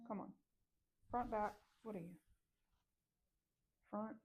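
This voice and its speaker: A woman's voice: medium pitch, fairly even intonation, unhurried, gravelly, a little mellow, slight background noise. A woman, chatting to the camera while she sews and muttering her frustration to herself and her viewers. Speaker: sewing vlogger. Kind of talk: casual chat to camera while sewing. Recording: dull lo-fi sound.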